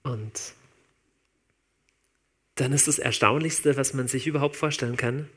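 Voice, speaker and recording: A man preaching a sermon in a relaxed, informal way, talking straight to his listeners. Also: mid-range voice, measured pace, breathy edge. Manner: conversational, informal, addresses listeners directly.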